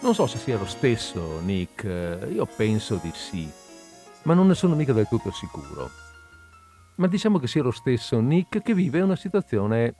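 Lively-voiced man reading a short story. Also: mid-range voice, moderate pace, soft background music. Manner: chatty asides, then steady reading. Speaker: reader of short stories. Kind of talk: reading literary fiction aloud.

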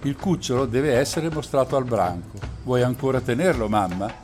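A man voicing a steady father wolf who speaks gravely and evenly, over faint music. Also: medium pitch, lightly acted. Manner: grave and measured.

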